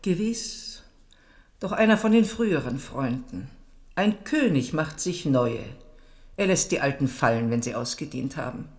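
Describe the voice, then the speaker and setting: An actress playing a shrewd, imperious English queen in a radio drama, deliberate, regal and sardonic. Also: a bass voice, lively intonation, a little mellow. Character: Queen of England, older female, shrewd, imperious, cutting. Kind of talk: German radio drama acting.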